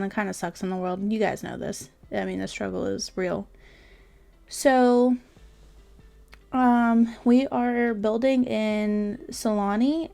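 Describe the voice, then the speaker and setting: A woman's voice: medium pitch, creaky, a little mellow. A tired woman giving casual, rambling voice-over commentary on her building game, full of fillers and trailing asides. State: tired, yawning.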